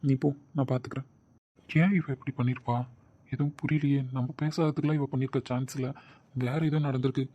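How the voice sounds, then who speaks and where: A man's voice: medium pitch, level tone, a little fast, warm tone, close to an everyday voice. A man voicing a caring, protective older brother who coaxes and reassures his sister. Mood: brooding. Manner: coaxing, reassuring, brooding when alone.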